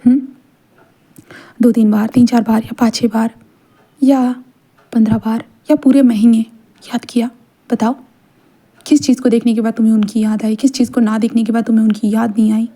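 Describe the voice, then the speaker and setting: A woman's voice: a little high, level tone, normal speed, pauses often, dark tone. A woman voicing a middle-aged mother who keeps probing and teasing her son.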